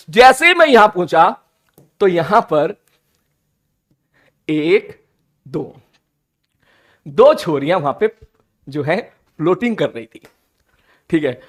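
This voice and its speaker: A male teacher, telling his students a story in an animated, teasing way and slipping English phrases into his talk. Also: high voice.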